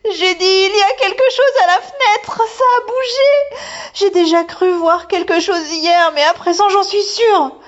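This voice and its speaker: A woman voicing a frightened young Japanese girl in a storybook reading, shrill and trembling. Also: normal speed, natural voice. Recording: dull lo-fi recording.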